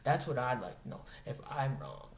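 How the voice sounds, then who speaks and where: A man's voice: mid-range voice, expressive, normal speed, creaky. A man tells a story in a blunt, profane and emphatic way, in a casual monologue. The room is echoey and a faint noise sits behind him. He sounds like a man from Montana speaking in his plain voice. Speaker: vlogger.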